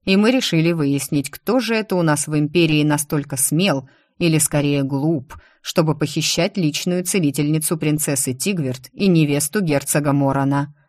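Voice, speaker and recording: A woman's voice: low-pitched, normal speed, hardly any pauses, darkish tone, dry recording, clean studio sound, lightly acted. A woman voicing a stern, commanding prince. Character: stern imperial prince, grown man, commanding.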